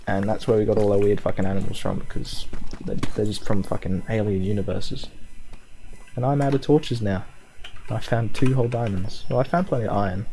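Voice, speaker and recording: A man's voice: lowish voice, steady tone, fairly quick, vocal fry, mellow. A young Australian man streaming a game, rambling casually and swearing freely as he plays. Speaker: live streamer. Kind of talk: casual gaming stream commentary. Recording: noisy background hiss.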